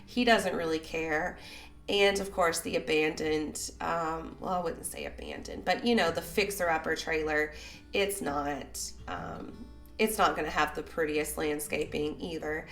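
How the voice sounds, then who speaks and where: Raspy-voiced Southern woman, chatty. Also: low voice, measured pace, fairly bright tone, faint music behind. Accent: Southern American. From Southern United States. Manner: rambling, chatty, many fillers. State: sick, raspy voice. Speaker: game builder narrating a speed build. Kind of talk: casual voice-over commentary.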